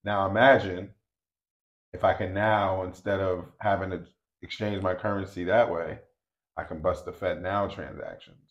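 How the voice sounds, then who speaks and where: A man's voice: deep voice, steady tone, moderate pace, muffled recording. A man co-hosting a podcast in casual chat, making his points with emphasis and repeating them. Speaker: podcast co-host.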